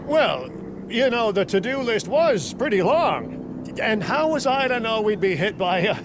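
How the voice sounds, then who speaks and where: An actor playing a flippant, self-serving dinosaur park boss in a video game, glib and joking. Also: male voice, high-pitched, very animated, a little slow. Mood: sheepish, evasive. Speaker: park boss giving instructions. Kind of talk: video game character dialogue. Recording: clear vehicle and outdoor ambience noise.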